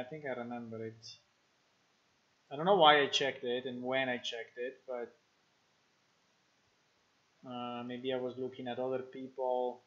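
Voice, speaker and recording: This is a game developer from Italy, speaking with an Italian accent as he codes a game on a live stream. He has a mid-range voice and talks casually, thinking aloud with frequent fillers and false starts, all captured in dull, lo-fi stream audio.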